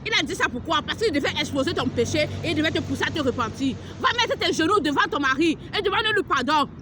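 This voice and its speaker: A woman's voice: high-pitched, lively intonation, fast talker, noisy background. A woman preacher delivering a fervent, scolding prophetic message outdoors at a beach, repeating her phrases and firing rhetorical questions. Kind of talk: impassioned outdoor preaching to camera.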